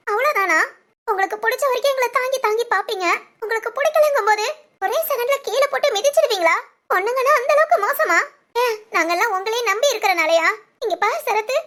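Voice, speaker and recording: A tearful, very high-pitched young wife. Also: female voice, a bit bright. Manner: plaintive, complaining, voice breaking into sobs. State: crying. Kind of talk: animated family story voice acting.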